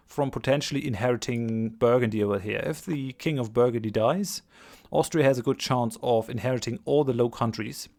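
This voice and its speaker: A man's voice: medium pitch, darkish tone. A man with a congested, stuffy-nosed voice from a cold, giving let's play commentary as host, hesitant and repeating phrases for emphasis. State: has a cold. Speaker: gaming channel host.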